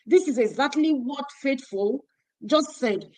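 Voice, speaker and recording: A woman's voice: high voice, measured pace, darkish tone, rough recording. A woman hosting a youth ministry livestream, exhorting young women in a preacherly, repetitive way while holding a phone. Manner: exhortative, preacherly, repeating phrases. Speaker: host. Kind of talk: closing remarks on a livestream. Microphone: phone held in hand.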